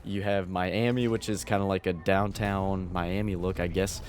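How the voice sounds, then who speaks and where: A man with a fairly low voice talks through his gameplay in a relaxed, chatty way. His voice still sounds groggy from the early morning. A faint hiss sits under the recording. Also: moderate pace. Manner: easygoing, chatty. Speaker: gaming video creator. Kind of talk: gameplay commentary voice-over.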